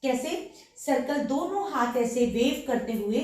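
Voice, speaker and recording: A woman with a slightly hoarse voice from a sore throat leads a dance lesson, counting beats aloud as she shows each step. Her voice sits a bit high and reaches the mic from across a very echoey room. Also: expressive, unhurried, darkish tone, distant mic. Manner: counts beats aloud while demonstrating moves. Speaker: dance teacher.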